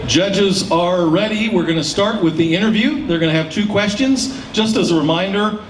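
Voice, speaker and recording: A man's voice: high-pitched, normal speed. Man, event emcee, folksy explainer, roomy distant sound, faint background noise. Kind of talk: public event hosting, explaining to an audience.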